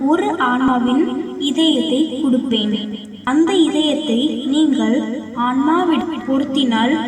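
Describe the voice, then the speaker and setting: A woman voicing a calm, solemn female fairy spirit who speaks slowly and formally in a storybook tale. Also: sits high, roomy sound, distant mic, voice pushed down. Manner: slow, measured, formal speech.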